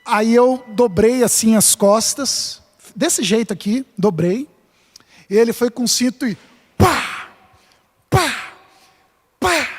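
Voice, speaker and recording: A pastor from São Paulo state preaches in a voice pitched high for a man, earnest and emphatic. He mixes scripture with light-hearted stories from his own life. His words ring out in the long reverb of a church sanctuary. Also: animated, takes it slowly, long pauses, breathy edge. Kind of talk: sermon.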